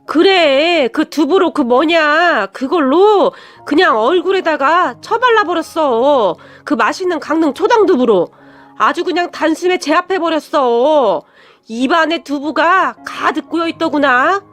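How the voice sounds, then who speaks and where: This is an unbothered older father-in-law in a radio story, as a woman narrator puts him on. He talks slowly and offhandedly. The voice stays fairly high, with faint music underneath. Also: fairly bright tone. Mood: offhand. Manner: slow, offhand.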